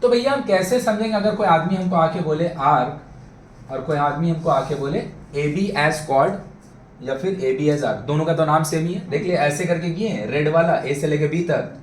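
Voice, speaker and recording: Teaching math in a conversational way, a man with a fairly high voice speaks at normal speed and checks often that his class is following. The classroom sound is echoey, with a faint hum of background noise.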